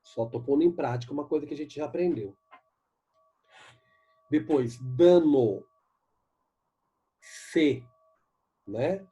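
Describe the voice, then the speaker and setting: Husky-voiced male literature teacher. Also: a little high, dark tone. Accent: Brazilian Portuguese. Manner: explains and asks students questions, reads poems slowly. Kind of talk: recorded online class lesson.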